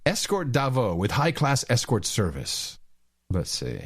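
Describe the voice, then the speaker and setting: A man's voice: mid-range voice, wildly swooping pitch, a little slow, breathy edge. A man co-hosting a podcast, sarcastic and crude, laughing at the clips. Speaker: podcast co-host. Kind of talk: casual chat.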